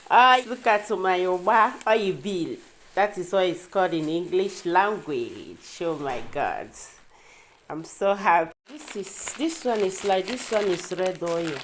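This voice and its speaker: A young woman with a Nigerian accent in a casual unboxing vlog, excitable and repeating herself as she shows off food items. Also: fairly low pitch, measured pace, a little hiss or hum. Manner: excitable, repeats words, bursts of laughter. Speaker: vlogger. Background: faint crinkling of wrappers.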